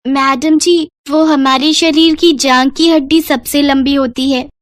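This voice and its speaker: A woman's voice: high-pitched, steady tone, unhurried, dry recording, clean studio sound. A woman voicing a shy, eager young schoolgirl in a cartoon, speaking politely and timidly. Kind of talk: cartoon voice acting.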